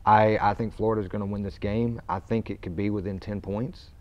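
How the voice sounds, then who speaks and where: Give me an opinionated man in casual sports talk, low-pitched and on dull audio. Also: fairly even intonation, a little fast. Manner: opinionated, sets up questions. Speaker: sports show co-host.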